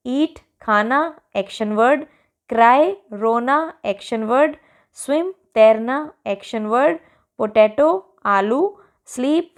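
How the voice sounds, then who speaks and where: A woman teacher with an Indian English accent, explaining a school textbook lesson and reading example sentences slowly and clearly. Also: fairly high pitch.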